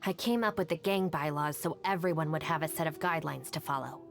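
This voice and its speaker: A low, creaky woman's voice speaks video game lines over faint background music, portraying a capable young female gang deputy. Her delivery is matter-of-fact, composed and brisk, with a dry, self-assured mood.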